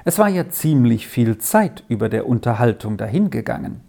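A storyteller reading a children's story aloud in a slow, expressive way. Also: mid-range voice, creaky.

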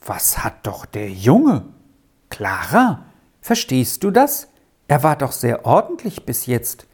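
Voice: mid-range voice, huge pitch swings, slow pace, husky, heavily acted. A reader voicing an insistent, well-off lady traveler who scolds and commands in an audiobook story. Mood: annoyed. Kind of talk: audiobook reading.

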